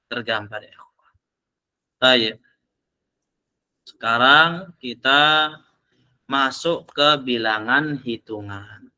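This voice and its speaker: A man teaching an online Arabic class, slowly sounding out each Arabic word before explaining it. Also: medium pitch, pushed and bright.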